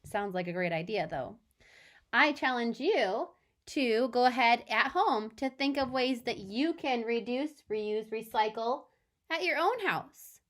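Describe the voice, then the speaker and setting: Speaking very slowly and deliberately in a slightly high voice, a female elementary teacher does a lively read-aloud for young children. Questions drive the lesson.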